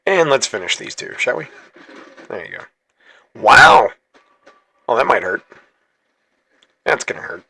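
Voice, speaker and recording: A man's voice: medium pitch, big pitch swings, unhurried, creaky, long pauses, sharp tone, husky, no room sound. A man hosting his gaming channel, chatting casually through gameplay, rambling and correcting himself as he goes. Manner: chatty, rambling, self-correcting, laughs easily.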